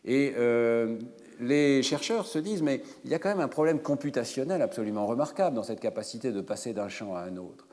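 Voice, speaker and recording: A man's voice: mid-range voice, expressive, fairly quick, dark tone. A man giving a university lecture, explaining fluently with frequent hesitation fillers. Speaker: professor. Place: lecture hall. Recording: lecture hall with long reverb.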